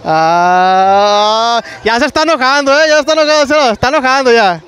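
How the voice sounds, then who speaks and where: High-voiced, teasing Mexican street host. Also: male voice, animated, moderate pace, a bit bright. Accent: Mexican Spanish. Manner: teasing, hypes the crowd, slangy. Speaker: street prank show host. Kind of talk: energetic street game hosting. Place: outdoor street market. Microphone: handheld microphone.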